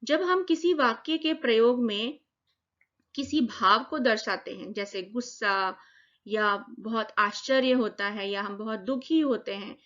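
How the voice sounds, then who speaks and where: A woman teaches young children grammar, explaining each point clearly and step by step. Her voice sits fairly high, and the recording is muffled and lo-fi. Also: measured pace, fairly bright tone. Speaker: primary school teacher. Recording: dull lo-fi recording.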